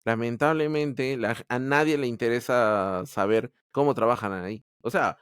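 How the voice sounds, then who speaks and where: A man from Peru, guesting on a podcast as an Android developer, shares his story in a casual interview, candid, hesitant, and full of restarts. His voice is smooth and medium-pitched at a moderate pace, with clean, echo-free studio sound.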